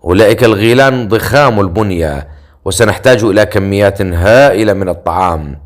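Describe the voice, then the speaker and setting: A self-assured male hero in an audiobook fantasy tale, dry and sarcastic in every exchange, as a male narrator voices him. His voice is low and composed. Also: brisk, lightly acted. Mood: wry. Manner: sarcastic, dryly teasing.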